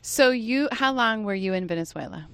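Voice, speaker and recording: Lively woman hosting a radio hour. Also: fairly high pitch, moderate pace, clean tone, no echo. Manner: lively and chatty, laughs often. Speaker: radio show host. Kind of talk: casual campus radio chat. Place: radio studio.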